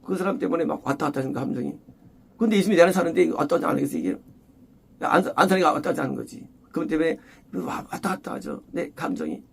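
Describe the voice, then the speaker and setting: A man preaching an expository sermon as a pastor, emphatic and repetitive, often rising to loud exclamations. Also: on the high side, rapid-fire, gravelly, husky.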